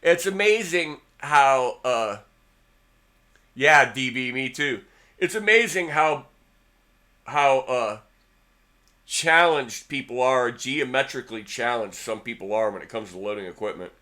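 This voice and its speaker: A middle-aged man with a bright, forceful voice tells a loose, rambling story. He hosts a guitar channel and talks casually to the camera, circling back and repeating words along the way. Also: medium pitch, expressive, a little slow.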